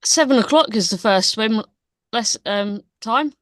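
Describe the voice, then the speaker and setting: A woman's voice: a little high, animated, unhurried, dry recording, clean studio sound. A woman co-hosting a live stream, bantering in a teasing, matter-of-fact way. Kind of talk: casual live stream chat.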